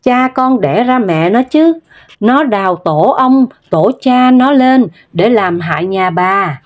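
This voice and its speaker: A woman doing a shrill, hot-tempered village wife. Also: lively intonation, slow. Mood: scolding. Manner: shrieking, scolding.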